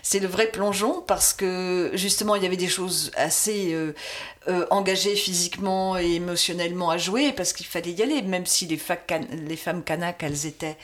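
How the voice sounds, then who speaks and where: A woman's voice: lowish voice, normal speed. A woman voice actress chatting in an interview, telling a story with frequent laughs and restarts. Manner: lively storyteller, laughs often, many restarts. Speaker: guest voice actress. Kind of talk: casual interview chat.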